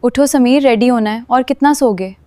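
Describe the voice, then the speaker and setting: High-voiced woman, playfully bossy. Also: dark tone. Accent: Pakistani Urdu. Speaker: vlogger wife. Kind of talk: scripted couple vlog skit.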